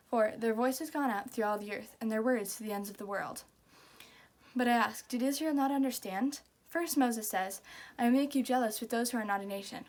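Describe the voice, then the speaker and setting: Woman w kinda high voice reciting bible verses by rote from memory. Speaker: reciter of scripture.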